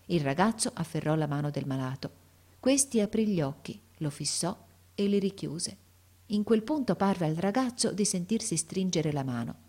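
A woman reads a story aloud as an audiobook narrator, in a low voice. Her delivery is measured and expressive, with steady pacing.

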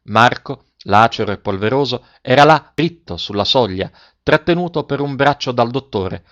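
A man narrating a story in a measured, dramatic reading style. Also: mid-range voice, lively intonation, a bit bright, no echo, dull audio.

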